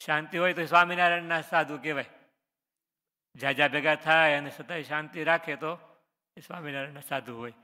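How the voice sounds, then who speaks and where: Bright-voiced man quizzing students. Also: on the high side, fairly even intonation, brisk, big-room sound. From Gujarat, India. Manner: reads a question then answers it, adding short explanations. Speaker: religious teacher. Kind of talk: question-and-answer scripture quiz review.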